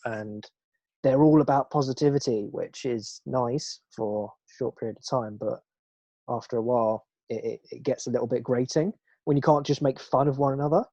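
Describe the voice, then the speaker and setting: A young British man with a British accent, co-hosting a podcast in casual chat, opinionated and quick to laugh and swear. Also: mid-range voice, vocal fry, warm tone, no echo, dull audio. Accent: British English. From Britain. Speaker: podcast co-host.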